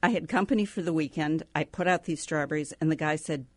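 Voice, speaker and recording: A woman's voice: low voice, fast, dry recording. Chatty middle-aged woman podcast host. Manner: chatty, enthusiastic, laughs easily. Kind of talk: casual food podcast chat.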